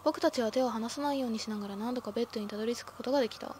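A woman's voice: on the high side, very fast, a little mellow, slight background noise. A woman streaming a game playthrough, reading the story text aloud and breaking in with short startled reactions. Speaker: let's-play streamer.

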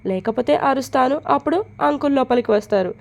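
A woman voicing a feisty, sharp-tongued young woman in a storybook reading, sassy and defiant. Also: high-pitched, fast talker.

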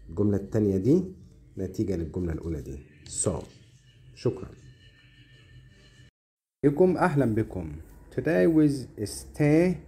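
A man with an Egyptian Arabic accent teaching short English lessons, saying English words slowly one at a time and explaining them in quick Arabic asides. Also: on the low side, mellow.

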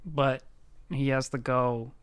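A man's voice: mid-range voice, steady tone, slow, over a noisy crowd. A man hosting an improvised dubbing game in casual group banter.

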